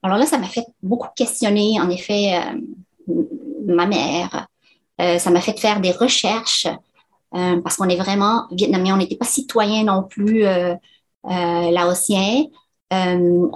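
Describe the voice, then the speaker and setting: A middle-aged woman from Laos answering interview questions, hesitant, with many fillers and restarts. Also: mid-range voice. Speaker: documentary author interviewed.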